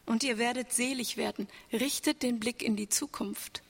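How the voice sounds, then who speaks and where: A woman's voice: a little high, fairly even intonation, normal speed, husky. A woman preaching an Easter sermon, earnest, asking the congregation rhetorical questions. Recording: long church reverb.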